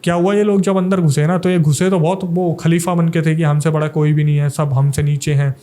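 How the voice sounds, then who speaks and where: Young delhi guy on a podcast spinning a spooky tale, bit high, warm tone. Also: steady tone, brisk. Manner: suspenseful storyteller, conversational. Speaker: paranormal investigator guest. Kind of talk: storytelling in a podcast interview.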